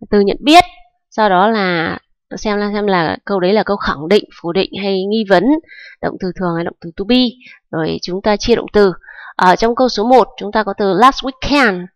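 A female English teacher explains grammar rules step by step in a medium-pitched voice at normal speed. She is patient and keeps checking that you follow, and the sound is dry and close with no room sound.

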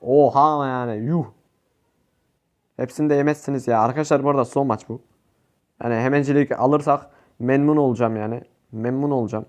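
A young man giving casual gameplay commentary, excitable and swearing at his teammates. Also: medium pitch, quick pace. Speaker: gaming youtuber.

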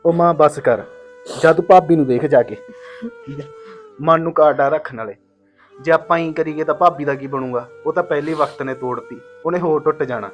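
A man's voice: fairly high pitch, brisk, faint music behind, lightly acted. An actor playing a grieving younger son who pleads with his mother to stop crying. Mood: pleading. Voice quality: pleading, choked with grief. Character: grieving young man, younger brother of the dead. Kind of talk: emotional drama acting.

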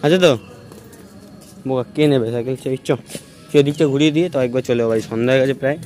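Over soft background music, a young man talks very fast in casual, chatty vlog style while walking around a temple garden outdoors, phone in hand. Filler phrases keep coming back, and sometimes he goes nearly hushed.

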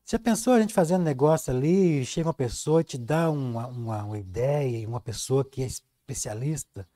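A man's voice: medium pitch, brisk, mellow. A man with a Brazilian Portuguese accent teaching painting on a live stream, chatting and telling stories while he works. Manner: chatty, storytelling, reads viewer comments.

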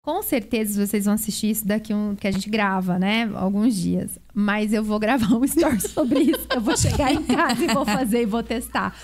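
A woman's voice: mid-range voice, normal speed, few pauses, a little mellow. A woman with a Brazilian accent, co-hosting a podcast and speaking frankly about her marriage in a chatty way. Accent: Brazilian Portuguese. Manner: chatty, frank, with many fillers. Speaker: podcast co-host. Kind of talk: casual podcast conversation.

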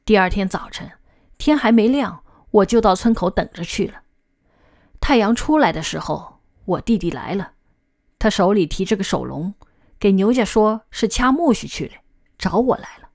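Measured woman reading an audiobook. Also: medium pitch, big pitch swings, a little mellow. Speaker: audiobook narrator. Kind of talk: scripted audiobook narration of documentary literature.

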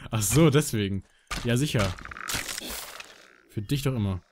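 A man chatting casually on a gaming voice call, giggling often. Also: medium pitch. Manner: giggly, laughs often, drawn-out lively speech. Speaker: Minecraft let's player. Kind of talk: casual multiplayer gaming chat. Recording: noisy gaming voice chat. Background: clear noise and clicks.

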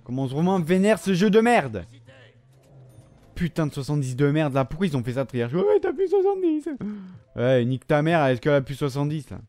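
A man talks over his own gameplay in a loose, unscripted commentary. He swears freely and rants at the game in frustrated bursts, then reins himself in and talks himself calm again. It sounds like an ordinary man reacting live as he plays. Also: fairly high pitch, brisk, dry recording, soft background music. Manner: profane, frustrated ranting that swings between outbursts and calming himself. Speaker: gamer recording his gameplay.

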